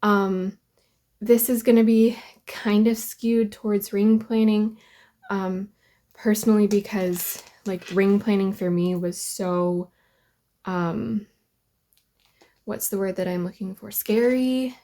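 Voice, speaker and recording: Slow-talking, slightly nasal woman vlogger. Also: medium pitch, steady tone, warm tone, slight background noise. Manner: hesitant, many ums and likes. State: slightly nasal from a head cold. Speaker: planner vlogger. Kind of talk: casual vlog talk.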